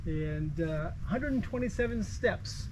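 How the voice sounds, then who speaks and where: High-voiced easygoing man outdoors. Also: animated, a little slow. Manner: easygoing, jokey, agreeable. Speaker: vlogger, co-host. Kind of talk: casual travel vlog chat. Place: outdoors on an island. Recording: outdoor wind and water noise.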